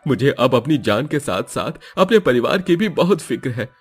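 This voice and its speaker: A man doing an earnest, high young son. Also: sing-song, moderate pace, husky. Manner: earnest, emotional.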